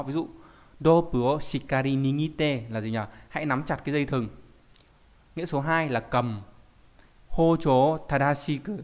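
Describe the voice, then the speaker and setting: Man teaching kanji. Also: medium pitch. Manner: explains patiently, often asks rhetorical check questions. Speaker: Japanese language teacher. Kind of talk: recorded online lesson.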